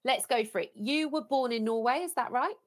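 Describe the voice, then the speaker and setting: A woman hosting a podcast, reading a scripted introduction and then interviewing her guest in an upbeat, clear presenter manner. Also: a little high, fairly quick. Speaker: podcast host.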